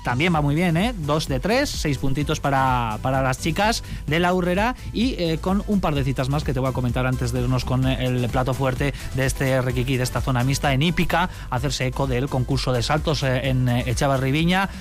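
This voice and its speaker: A male radio sports reporter with an accent from Spain, giving a conversational round-up in a halting way, often checking in with tag questions. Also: medium pitch, faint music behind. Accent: Spanish from Spain.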